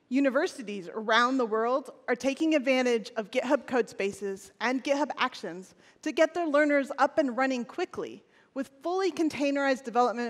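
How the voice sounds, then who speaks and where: Woman, 40s, keynote presenter on a big stage; earnest scripted delivery, slightly high voice, lapel mic in a reverberant hall. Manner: scripted, earnest, occasional restarts. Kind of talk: conference keynote speech. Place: large stage in a conference hall. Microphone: headset or lapel mic on stage.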